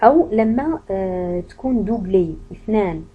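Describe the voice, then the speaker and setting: A woman teaching a French pronunciation lesson, patiently saying each word slowly and then repeating it. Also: mid-range voice, lively intonation, phone-quality sound, crowd noise.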